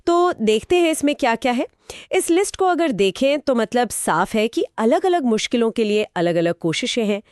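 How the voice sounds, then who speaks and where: A woman's voice: on the high side, expressive, moderate pace, a little mellow, clean tone, no echo, studio quality. A woman co-hosting a scripted explainer chat, asking curious, prompting questions. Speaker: co-host.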